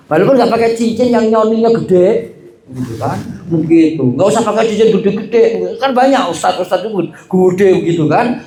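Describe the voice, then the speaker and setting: A man's voice: sits high, a little mellow. A man preaching a casual study sermon, chatting the audience, asking them questions and saying "gitu" and "begitu" again and again. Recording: roomy hall echo.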